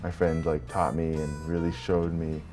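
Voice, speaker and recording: A man's voice: rumbling low, moderate pace. A young man from Hong Kong, a college student, talking casually with lots of fillers for a documentary about his fishing. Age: young adult. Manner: relaxed, filler-heavy casual talk. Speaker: college student fly fisher. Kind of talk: documentary interview and on-location talk. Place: outdoors by a river. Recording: background guitar music. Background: guitar music.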